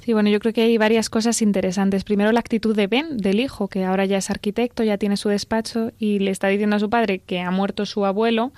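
Flat-toned woman explaining on radio. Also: mid-range voice, fast, hardly any pauses, no room sound. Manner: explanatory, retelling with quotes. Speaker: radio guest. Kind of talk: radio talk show.

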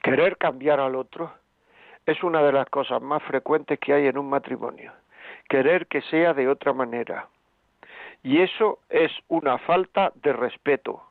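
A man's voice: medium pitch, unhurried, vocal fry, no echo. A man presenting relationship advice on the radio, talking emphatically and repeating himself with rhetorical questions. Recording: phone-like band, dry.

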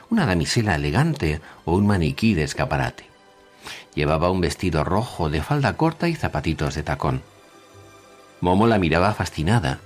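A man reading a story aloud in an expressive narrating style. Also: deep voice.

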